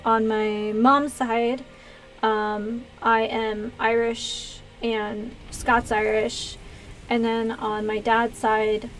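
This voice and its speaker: A woman who streams and hosts video games, from Pennsylvania on the US East Coast, makes casual, rambling conversation with viewers, thinking aloud with hesitation in her American accent. She speaks extremely slowly in a level, slightly high voice. Faint music plays behind her.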